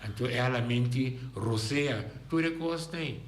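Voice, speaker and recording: A man with a Bonaire accent, a singer guest in a radio interview, talking haltingly and repeating his words often. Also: medium pitch, echoey room.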